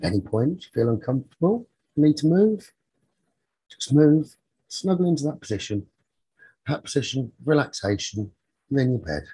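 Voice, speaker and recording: Leading a guided sleep meditation, a male teacher speaks in short phrases broken up by long pauses, his husky voice soothing despite being very animated. His pitch sits in the mid range with a dark tone. The recording is dry and rough in quality.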